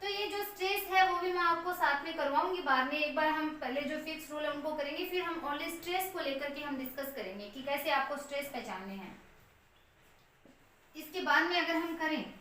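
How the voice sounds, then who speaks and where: A woman's voice: high voice, fairly quick, pushed and bright, distant mic, slight background noise. A woman teaching English phonetic transcription in Hindi, explaining step by step and spelling words out letter by letter. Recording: echoey room, voice from off mic, faint ambience.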